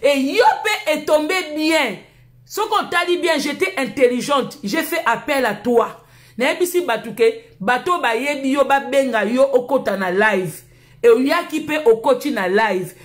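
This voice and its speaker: A Congolese woman with a high voice fires off a combative live stream rant. She scolds and insults her critics in a Congolese French accent. Her voice rings around an echoey room. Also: animated, a little slow. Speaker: livestream host.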